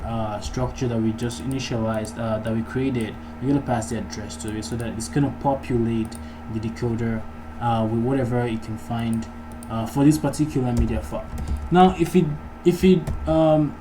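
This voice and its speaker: He speaks at medium pitch with a dark tone, hosting a casual programming tutorial and reasoning aloud as he goes through each step. Background noise and computer keyboard typing run through the clearly noisy recording.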